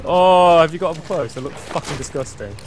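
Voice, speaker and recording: A man playing a game with a friend, chatting and reacting excitably. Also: a little high, a little fast, music in the background. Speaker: co-op gaming partner. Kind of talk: casual co-op gaming chat. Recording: game noise under the voice.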